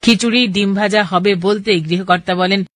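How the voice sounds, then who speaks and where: A woman radio presenter, reading listeners' letters aloud in a steady, clear voice. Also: medium pitch, moderate pace, dry recording, studio quality.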